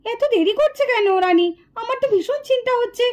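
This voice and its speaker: Brief: woman doing a very high, gentle, chiding village woman for a puppet cartoon. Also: lively intonation, fairly quick. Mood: worried. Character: worried, fair-minded young village woman.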